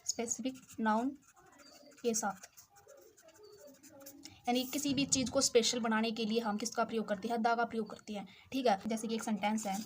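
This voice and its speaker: A woman's voice: fairly high pitch, steady tone, a little hiss or hum. A woman teaching English grammar, explaining example sentences step by step and checking in often with her listeners. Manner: slow, repetitive explaining with frequent check-ins.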